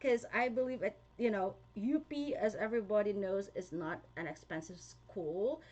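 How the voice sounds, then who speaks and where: Chatting to her audience and going through their comments, a young vlogger from the Philippines talks in a relaxed way with frequent laughter and fillers. She has a mid-range, darkish voice and speaks at normal speed.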